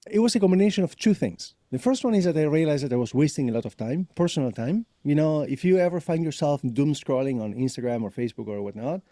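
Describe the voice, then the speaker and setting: A man from Argentina in his forties, a podcast guest who tells his career story with animated energy and frequent laughter. His voice has a dark, warm tone. The sound is dry and close. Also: on the high side, quick pace, few pauses, no room sound. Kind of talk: casual interview.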